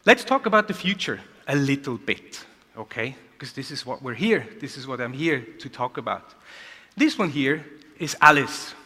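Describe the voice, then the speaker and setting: Male keynote speaker, energetic, bright and fairly high voice, big echoing conference hall. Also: moderate pace. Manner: energetic, rhetorical questions.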